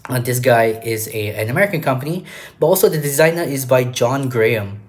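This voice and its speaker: Man with a cough, clearing his throat. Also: mid-range voice, expressive. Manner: clears throat often, halting with many fillers. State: has a cough, throat a bit rough. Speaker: knife-collection vlog host. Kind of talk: casual product show-and-tell.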